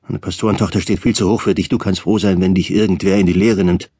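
A stern, impatient uncle, read by a male audiobook narrator, lecturing in a quick, clipped way with a low, warm voice. The sound is dry and close. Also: steady tone, slightly rough, dry recording. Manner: curt, lecturing. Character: stern middle-aged uncle, cold and impatient. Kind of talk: audiobook character reading.

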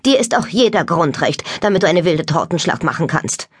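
Storybook housekeeper: motherly, brisk, loud, put on by a woman narrator, husky, dry sound. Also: lowish voice, very animated, dry recording. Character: loud, cuddly female castle housekeeper, bossy but kind.

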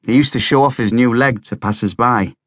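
A man narrating an audiobook in a plain, steady storytelling way. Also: medium pitch, brisk, no room sound, clean studio sound.

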